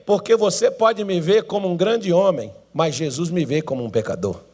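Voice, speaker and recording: Brazilian male pastor, high-pitched, impassioned church sermon with big swings in volume. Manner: preaching with sweeping swings between loud, drawn-out cries and low asides.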